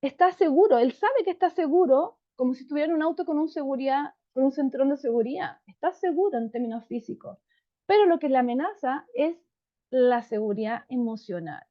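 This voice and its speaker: A high-pitched woman talks parents through an explanation, warm and unhurried, often pausing to check that they follow. Her voice comes through a dull, slightly lo-fi recording. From Chile. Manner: warm, calm, unhurried tone with frequent checking questions. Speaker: psychologist. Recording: dull lo-fi sound.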